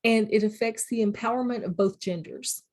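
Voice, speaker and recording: A woman's voice: a little high, normal speed, a little mellow. A middle-aged woman, a college instructor, giving a recorded lecture in a plain, practical way, with examples from her own classroom.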